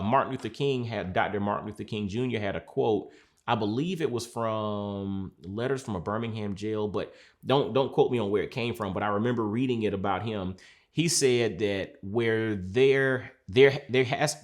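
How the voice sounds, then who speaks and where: A mindset coach from Georgia, USA, a man with a voice on the low side, speaks in a reflective sit-down conversation. He is earnest and measured, repeating phrases for emphasis.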